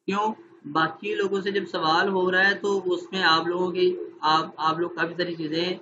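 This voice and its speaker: A man's voice: fairly high pitch, lo-fi sound, background noise. A man training teachers in an online class, explaining steps patiently and often checking that his listeners follow.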